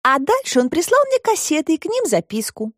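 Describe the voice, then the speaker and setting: A woman reader voicing a bold, inventive little girl in an audiobook, with a high, eager childlike delivery. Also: sing-song, brisk, dry recording, studio quality. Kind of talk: audiobook reading.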